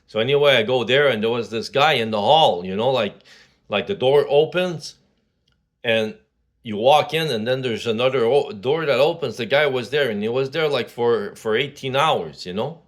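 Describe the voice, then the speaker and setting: A man's voice: mid-range voice, normal speed. Rambling man in his sixties from Quebec. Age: 60s. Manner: rambling, many fillers and restarts. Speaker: vlogger. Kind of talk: casual rambling monologue.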